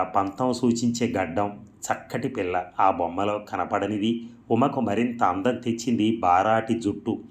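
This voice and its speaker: A man reading a story aloud in a measured, reflective way. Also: fairly low pitch. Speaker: narrator. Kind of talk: storybook narration.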